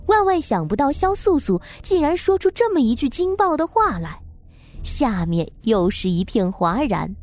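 Expressive woman narrating a tale. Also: high-pitched, normal speed. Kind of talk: storytelling narration. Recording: faint background music.

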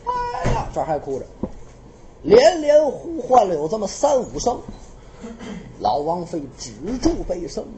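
A woman storyteller with a Beijing accent, narrating a traditional tale in an animated, colloquial way. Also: lowish voice, measured pace, pauses often, roomy sound, a little hiss or hum.

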